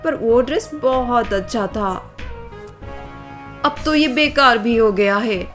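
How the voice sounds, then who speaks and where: A woman voicing a spoiled, snobbish rich young city woman who talks in a boastful, dismissive way, over faint music. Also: fairly high pitch. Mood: snooty. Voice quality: boastful, dismissive, drawn-out complaining.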